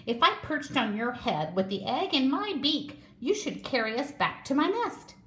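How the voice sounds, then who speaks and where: A woman's voice: high voice, big pitch swings, normal speed, roomy sound, pitched above the performer's own voice. A woman voicing a fussy female hornbill bird in a storybook, eager and fluttery. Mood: pleading.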